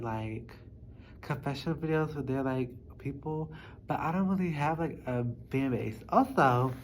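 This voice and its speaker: A woman's voice: low voice, slight background noise, low-quality recording. A young woman vlogger chatting informally to her viewers in a small study room, with loose articulation. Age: young adult. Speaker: YouTube vlogger. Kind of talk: casual chat to viewers.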